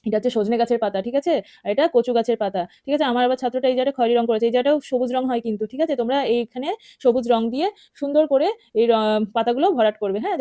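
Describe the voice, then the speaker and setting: A woman's voice: a little high, warm tone, no room sound, clean studio sound. A woman teaching young children from a workbook, patiently coaxing them and counting out letters and strokes one by one. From West Bengal.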